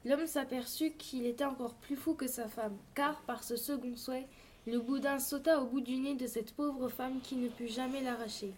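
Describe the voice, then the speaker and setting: A woman's voice: high voice, fairly even intonation, moderate pace, darkish tone, slight background noise. A woman reading a fairy tale aloud, addressing young listeners as storyteller.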